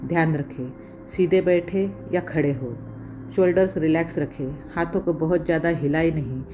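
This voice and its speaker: A woman giving scripted voice-over narration with steady, instructive delivery, counting off communication tips by number. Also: low-pitched, moderate pace, music in the background.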